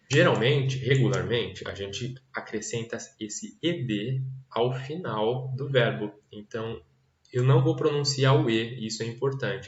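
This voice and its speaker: A man with a lowish voice teaches an English grammar lesson, drawing out each example sentence before he translates it. The sound is dull and lo-fi, with a noticeable echo from the room. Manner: slow, drawn-out English examples with Portuguese translations.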